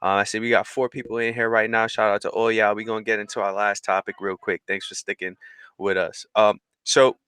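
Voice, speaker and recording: A man with a bright, forward voice hosts a relaxed livestream talk show. He sounds dry and close, with no room echo. His delivery is laid-back and chatty, and he laughs easily between greetings to viewers. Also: on the low side, brisk, smooth. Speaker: podcast host.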